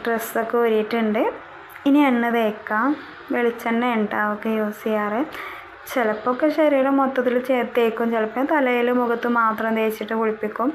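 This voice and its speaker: A woman's voice: on the high side, little pitch movement, a little fast, slight background noise, low-quality recording. A young woman, narrating her household chores in a casual, chatty voice-over and often tagging a word onto the end of her sentences. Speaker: vlogger.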